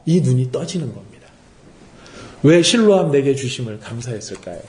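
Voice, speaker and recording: A man's voice: medium pitch, animated, normal speed, darkish tone, echoey room. A man preaching a sermon as pastor, asking rhetorical questions and acting out quotes. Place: worship service room.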